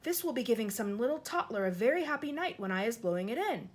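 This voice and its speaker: Brief: woman doing a loud, high, excitable storybook giant with mangled grammar and invented words. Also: fast. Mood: thrilled. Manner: jumbled grammar, made-up words, cries out often. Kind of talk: audiobook character voice.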